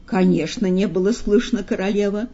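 A woman's voice: medium pitch, fairly even intonation, moderate pace, mellow, natural voice. A woman voicing a fussy, talkative, sly man from a devil's retinue who exclaims a lot. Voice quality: effusive, exclaiming. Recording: slightly dull lo-fi sound.

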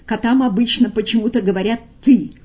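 A woman voicing a vain male talking cat, loud and pompous. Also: a little high, brisk, breathy edge, muffled recording.

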